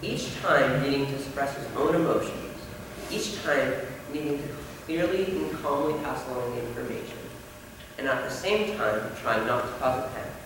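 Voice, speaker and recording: A young man playing an earnest male high school senior, giving a solemn, rousing stage speech. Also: moderate pace, gravelly, close to an everyday voice. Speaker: student actor. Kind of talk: stage play speech to a class. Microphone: distant room mic. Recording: echoey hall from far off, noisy.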